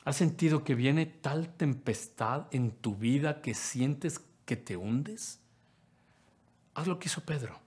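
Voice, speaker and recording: A male pastor preaching a sermon. He speaks straight to the listener with questions and swings from loud, lively lines to hushed ones. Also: medium pitch, takes it slowly, breathy edge. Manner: dramatic, acts out quotes in swings from loud to hushed; addresses listener directly with questions.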